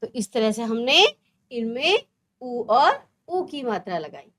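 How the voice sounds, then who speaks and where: A woman teaching a first-grade language lesson, drawing out single words slowly in a sing-song way for young children. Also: fairly high pitch, sing-song, fairly bright tone. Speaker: primary school teacher.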